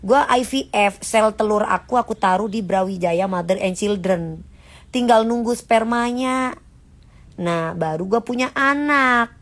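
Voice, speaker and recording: A woman's voice: mid-range voice, a little slow. A woman hosting a live stream in a casual, blunt, defiant way, repeating her points and laughing between remarks. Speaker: livestream host.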